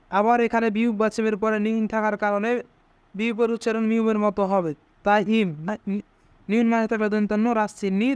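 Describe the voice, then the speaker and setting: A man's voice: high voice, clear, resonant tone, no echo, muffled recording. A man teaching pronunciation step by step, breaking each word into single sounds and repeating them. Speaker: language teacher. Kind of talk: slow step-by-step pronunciation lesson.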